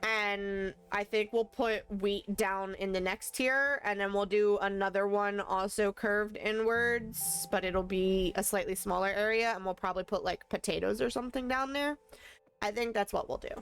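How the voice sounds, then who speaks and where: A woman's voice: medium pitch, steady tone, a little slow, fairly bright tone, faint music behind. A woman streaming a video game live, chatting casually and thinking aloud as she plays. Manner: playful, answers chat.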